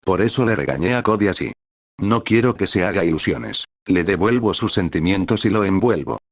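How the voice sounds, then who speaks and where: Blunt sarcastic teen girl, read by a male narrator, low and dry. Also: animated, brisk, no room sound. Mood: exasperated.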